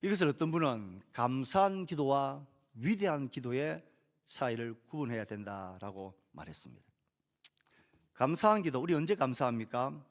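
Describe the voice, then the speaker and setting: A male pastor preaching a sermon in a measured way, lifting key phrases and letting sentences fall softly, with rhetorical questions to the congregation. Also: mid-range voice.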